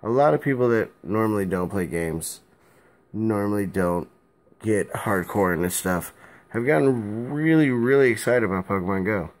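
A drunk young man with a lowish voice and lively intonation rambles through a casual vlog rant, halting and repeating himself as he goes. He films on a phone held at arm's length in a small room at home.

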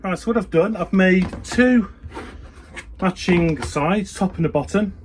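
A middle-aged man with a high-pitched voice talks unhurriedly while doing a hands-on build in a small indoor workshop. He's a DIY radio hobbyist vlogger thinking aloud as he works, with clear background noise and room ambience in the recording.

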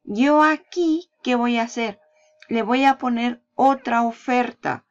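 Upbeat woman with a gravelly, lo-fi voice. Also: on the high side, takes it slowly. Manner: upbeat, chatty, explains step by step. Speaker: online marketing channel host. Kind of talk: screen-recorded tutorial.

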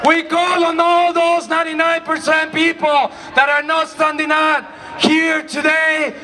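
A man from Chile giving a shouted protest speech at an outdoor rally, his voice worn out from yelling. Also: extremely high pitch, monotone, unhurried. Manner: impassioned, rallying. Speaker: rally speaker. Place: outdoor city rally in front of a large building. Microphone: far camera in the crowd. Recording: distant voice over a noisy crowd. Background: cheering crowd.

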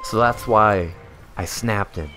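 A young man delivering a mock-serious comedic voice-over as a gaming YouTuber. His tone is deadpan and sarcastic, and at times it slides into exasperated rants. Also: on the low side, slow pace. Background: faint background music.

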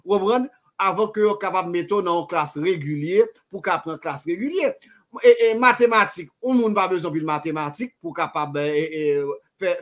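A man from Haiti with a Haitian accent, telling his own story in a casual discussion and often checking that the listener follows. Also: high voice. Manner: animated storytelling, asks "vous comprenez?".

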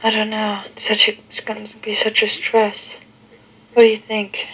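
A woman's voice: completely flat delivery, normal speed, fairly bright tone, slightly rough. A woman chatting casually on a phone call, recorded on an old worn answering machine tape. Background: played back through a cassette boombox.

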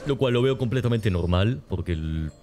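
Low-voiced young man streaming with a cough. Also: lively intonation, normal speed, background noise. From Spain and Argentina. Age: young adult. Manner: rambling, joking, answering chat. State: persistent cough. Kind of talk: casual gameplay commentary, reading chat. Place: home streaming room. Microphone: desk mic near webcam. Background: game music.

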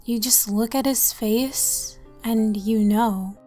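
A woman narrating a horror story in the first person, with a soft, calm delivery. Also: a little high, slow pace, faint music behind.

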